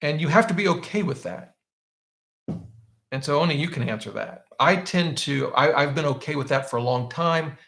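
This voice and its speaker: A man's voice: a little high, lively intonation, moderate pace, creaky, fairly bright tone, roomy sound. A man hosting a live question-and-answer stream, explaining his choices in a casual way and often restarting his sentences as he thinks aloud. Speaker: finance channel host answering viewer questions.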